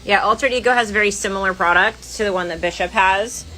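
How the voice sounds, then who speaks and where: A woman's voice: mid-range voice, fast, sharp tone, faint music behind, low-quality recording. A young woman co-hosting a casual livestream, reading out chat comments in a chatty, blunt, teasing way.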